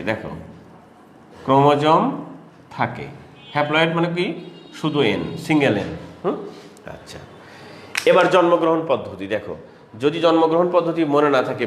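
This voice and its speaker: A man teaching an exam-prep lecture, asking questions and answering them himself and repeating key terms slowly. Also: a little high, slight background noise. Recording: echoey room with faint ambience.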